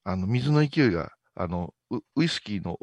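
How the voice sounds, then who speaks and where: A middle-aged man from jokes his way through casual chat as a Buddhist monk host. His pitch leaps around with animation, and the sound is dry and close. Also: fairly quick, no echo. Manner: playful, jokey, animated.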